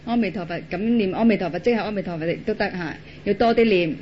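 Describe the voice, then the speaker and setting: An interpreter at a dharma talk, briskly relaying each phrase in a plain, steady way. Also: mid-range voice. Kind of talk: live consecutive interpretation of a talk. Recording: dull lo-fi recording with faint noise.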